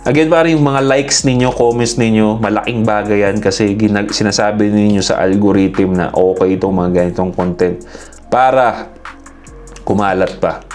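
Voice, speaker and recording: Animated Filipino man vlogging over music. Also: on the low side, moderate pace. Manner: animated, addresses viewers as "pare" and "bro". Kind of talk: casual Taglish commentary.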